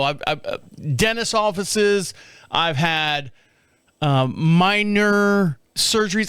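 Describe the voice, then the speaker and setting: Rambling fifty-something man, smooth voice. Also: on the high side, a bit bright, dry recording, studio quality. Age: 50s. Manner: rambling, repeats himself, laughs often. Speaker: podcast host. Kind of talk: casual solo monologue. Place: studio.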